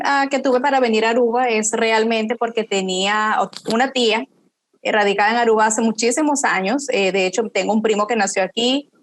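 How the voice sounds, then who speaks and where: Relaxed Venezuelan woman on a call. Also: on the high side. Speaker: panel guest. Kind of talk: casual chat on a video call.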